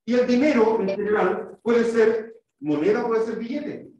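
In a school classroom, a man with a very high-pitched, dark-toned voice teaches English at an unhurried pace, patiently explaining and modelling pronunciation for his pupils. The recording is echoey and dull, with the mic placed far from him.

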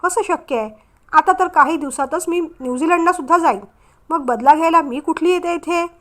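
A woman's voice: extremely high pitch, brisk, fairly bright tone. A woman voicing a hurt, despairing young bride who speaks bitterly through tears. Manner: bitter, tearful.

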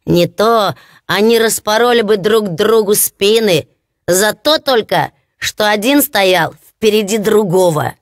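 A woman narrating a fairy-tale audiobook in an expressive storytelling manner. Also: mid-range voice, slow, no room sound, clean studio sound.

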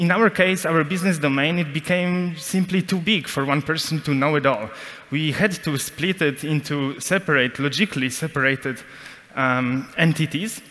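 A man's voice: on the high side, sharp tone. A young man with a Polish accent, a non-native English speaker, giving a technical conference talk on a large stage, explaining step by step with fillers and self-corrections. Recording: long hall reverb.

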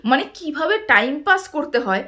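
A middle-aged woman talks in a bright, high register. She delivers casual commentary from home. Her tone is scolding and indignant, and she keeps throwing out rhetorical questions. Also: big pitch swings, moderate pace. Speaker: YouTube commentator. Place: home, indoors.

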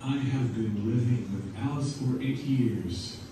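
Slow synthetic male pep-speech voice, very echoey. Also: mid-range voice. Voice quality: synthetic text-to-speech voice from an eye-controlled speech device. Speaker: motivational guest speaker, former high school quarterback. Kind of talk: scripted motivational pep speech. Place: large indoor school weight room. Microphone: device speaker picked up by far camera. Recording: echoey, noisy room, distant from camera.

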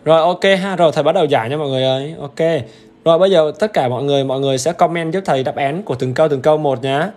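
A man's voice: fairly high pitch, very fast, a little mellow. A man teaching English on a livestream, upbeat and chatty, often checking in with viewers. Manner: upbeat and chatty, keeps urging viewers to comment; repetitive check-ins with the audience. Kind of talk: livestream exam-review lesson.

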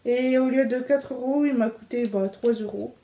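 Chatty high-voiced French woman. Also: normal speed, dark tone. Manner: chatty, many fillers and self-corrections. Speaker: fashion vlogger. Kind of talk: casual clothing haul.

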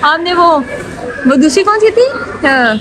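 Chatty high-voiced young woman vlogging. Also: expressive, measured pace, noisy background. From Pakistan. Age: young adult. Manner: chatty, rambling, laughs often, walks while talking. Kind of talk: casual walking vlog. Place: large indoor shopping mall. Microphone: phone held at arm's length. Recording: busy mall ambience behind.

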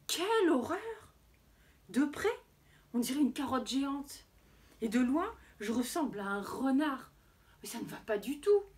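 Teacher lady putting on a grumpy big wolf from a picture book, high and swoopy, groans at everything. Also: very animated, slow pace. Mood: disgusted. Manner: exclaiming, sighing at himself.

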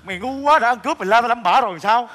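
An actor playing a bossy middle-aged man who poses as a robber, in a comic stage sketch, gruff and scolding. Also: very high-pitched, very fast, noisy background. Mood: menacing.

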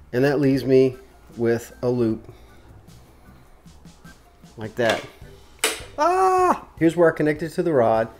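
A man in his forties with a mid-pitched voice walks through a fishing rig in a relaxed, chatty way, explaining each step as he ties it. He speaks close to the camera in a small indoor workshop, with faint music underneath. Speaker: fishing guide and host. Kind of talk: casual how-to demonstration.

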